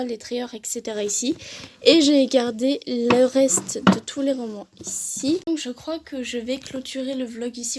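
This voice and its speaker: A woman's voice: fairly high pitch, noisy background. A woman vlogging casually about her books, rambling and hesitant with many fillers, talking with effort through a sore throat.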